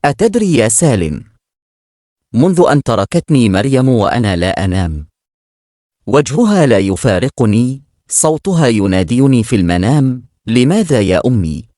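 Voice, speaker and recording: A repentant, dying woman pours out her regret, as a male storyteller reads her lines. The delivery is sorrowful and swings freely in pitch, recorded dry and close. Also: mellow, dry recording, lightly acted. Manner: sorrowful confession read aloud. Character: remorseful dying middle-aged woman, repentant.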